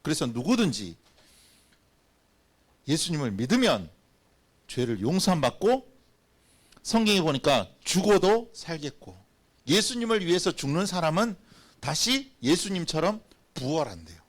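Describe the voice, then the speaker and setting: Animated high-voiced man preaching to children. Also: measured pace, long pauses. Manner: animated, playful, acts out little scenes; has children repeat after him. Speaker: pastor. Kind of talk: children's sermon.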